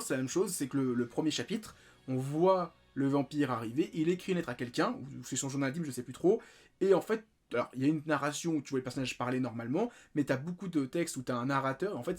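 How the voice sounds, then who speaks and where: Male manga reviewer, fairly high voice, loose rambling delivery, light music underneath. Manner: rambling, many fillers and restarts, lively swings in pitch. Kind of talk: casual spoken book review.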